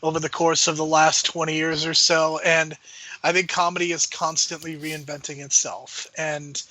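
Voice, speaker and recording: A man co-hosting a podcast, talking films in a measured way and often hedging his points. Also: a little high, sharp tone, dry recording, low-quality recording. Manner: measured, hedging with frequent "I think". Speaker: podcast co-host. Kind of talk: casual film discussion.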